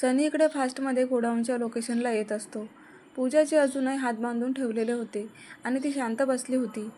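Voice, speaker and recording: High-voiced woman narrating a story. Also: normal speed, a little hiss or hum. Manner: steady reading.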